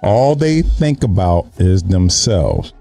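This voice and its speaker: A man's voice: low-pitched, big pitch swings, takes it slowly, creaky, dark tone, faint music behind. A man, hosting a podcast in casual, blunt, slangy banter and repeating phrases for emphasis, close on the mic. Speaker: podcast host. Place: small home podcast studio. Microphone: close microphone on a stand, with headphones.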